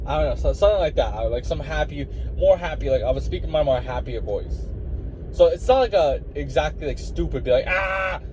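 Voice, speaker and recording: A man's voice: a little high, animated, brisk. A tired young man, a college wrestler, rambling casually to the camera with lots of fillers and restarts. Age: young adult. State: tired from little sleep. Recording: dull lo-fi audio with loud outdoor noise.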